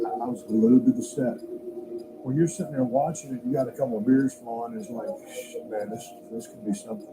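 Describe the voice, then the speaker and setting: A man in a documentary interview telling the story of his own career in a blunt, salty, casual way. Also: mid-range voice. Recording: noisy background hiss.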